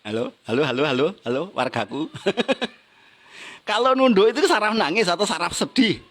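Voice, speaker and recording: Man, middle-aged, high voice, lively seminar trainer, quizzes the crowd. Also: moderate pace. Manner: lively, teasing the audience with questions and laughing. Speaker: business motivational trainer. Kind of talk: motivational seminar talk.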